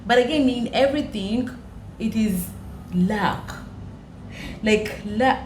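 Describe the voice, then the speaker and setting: A woman from Uganda speaks slowly with a fairly high, slightly mellow voice and a Ugandan accent. Appearing as a podcast guest, she tells personal stories and repeats phrases for emphasis, and the recording has echo and clear background noise.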